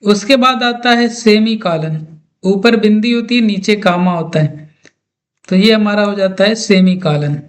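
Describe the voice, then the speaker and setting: A man's voice: high-pitched, a little slow. A man teaching an English grammar lesson, patiently talking through examples step by step.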